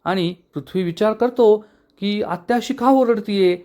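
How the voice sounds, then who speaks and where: High-voiced man recapping a TV episode. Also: normal speed. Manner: animated storytelling, quoting dialogue. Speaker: TV serial reviewer.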